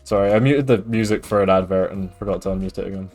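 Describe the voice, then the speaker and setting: Soft background music plays as a low-pitched Scottish man, his accent mild, chats fast and casually while streaming a game. He's relaxed and chatty, answering viewer messages with plenty of fillers.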